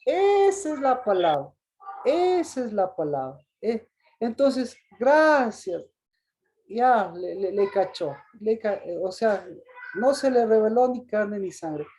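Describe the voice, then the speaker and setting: Halting man leading a Bible study. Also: sits high, lively intonation, a little mellow, a little hiss or hum. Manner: halting, repeats words and asks questions. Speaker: Bible teacher.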